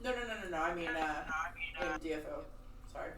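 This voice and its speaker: A woman's voice: sits low, quick pace, distant mic, crowd noise. A woman playing a tabletop game over voice chat, chatty and helpful with suggestions. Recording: noisy hissing mic.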